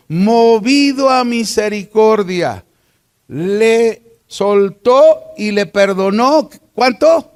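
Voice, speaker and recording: Slow high-voiced Mexican Bible teacher. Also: male voice. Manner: deliberate, asks the class rhetorical questions. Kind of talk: Bible class lesson.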